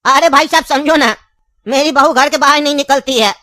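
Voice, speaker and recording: A woman's voice: high voice, normal speed, pushed and bright, no echo. A woman voicing a scheming, insistent old grandfather in a cartoon, speaking with a tinge in a pleading, long-winded way. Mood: coaxing.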